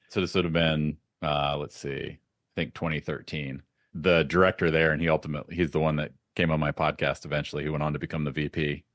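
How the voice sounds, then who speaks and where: A man being interviewed as a podcast guest, telling lively anecdotes and laughing often. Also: a bass voice, no room sound, studio quality. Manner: animated anecdotes with frequent laughs. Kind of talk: casual interview storytelling.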